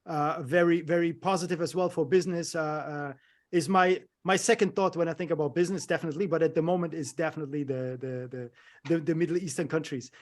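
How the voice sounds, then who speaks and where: A man's voice: a little high, steady tone, quick pace. A man hosting an interview over a video call, hesitant and friendly, with many fillers and non-native phrasing. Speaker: interview host. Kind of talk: conversational interview.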